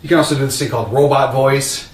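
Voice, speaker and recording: Easygoing male demonstrator, mid-pitched, explaining as he goes, some distance from the mic in a reverberant room. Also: quick pace. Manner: relaxed explaining, with fillers and restarts. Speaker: product demonstrator. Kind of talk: casual gear demonstration. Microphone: open vocal mic at a distance. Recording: roomy, distant mic, faint hum.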